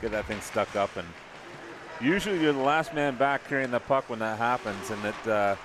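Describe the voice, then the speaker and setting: A man breaks down the hockey plays in a relaxed, analytical way, at an average pitch for a man. There is clear background noise behind his voice. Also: normal speed. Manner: relaxed analytical, laughs easily. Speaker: color commentator. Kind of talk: hockey color commentary.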